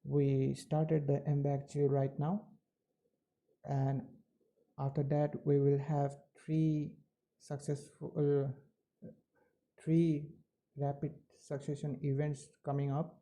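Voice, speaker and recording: A man giving live technical commentary as a launch webcast host, with halting, measured phrasing. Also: on the high side, completely flat delivery, mellow.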